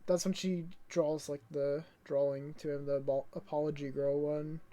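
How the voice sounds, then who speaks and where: A man's voice: fairly high pitch, little pitch movement, moderate pace, warm tone. A young man co-hosting a podcast, recapping episodes chattily, with frequent restarts and fillers. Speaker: podcast co-host. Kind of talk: casual recap chat.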